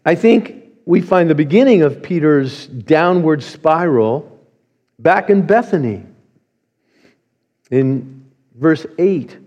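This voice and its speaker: A man preaching a sermon, reading scripture slowly and deliberately. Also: on the high side, lively intonation, darkish tone, long reverb tail, highs cut off. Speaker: pastor.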